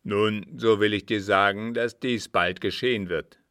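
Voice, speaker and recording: Guy doing a sly disguised agent, emphatic and pushy, smooth clear voice, dry close mic. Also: lowish voice, fairly even intonation, measured pace, a bit bright, dry recording. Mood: persuasive. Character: cunning disguised agent, man, feigning innocence. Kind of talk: audiobook reading.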